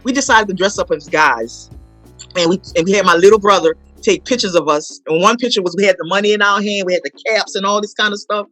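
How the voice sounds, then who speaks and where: A New Orleans playwright and stage actor in her 40s chats casually as a guest in a promotional interview, telling stories emphatically and repetitively. Her mid-range voice is quick and fairly bright, with soft music in the background.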